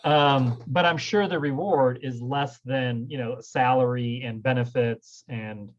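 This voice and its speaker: A man's voice: medium pitch, steady tone, a little slow. Wry male panelist, slightly dull audio. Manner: wry, teasing. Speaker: panel guest. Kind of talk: casual roundtable chat.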